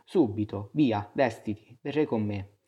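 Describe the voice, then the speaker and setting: A man's voice: on the low side, a little slow, husky, lo-fi sound. A man reading a story aloud and voicing a fierce older aunt who barks short, clipped commands. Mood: commanding. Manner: clipped, commanding, speaks in bursts.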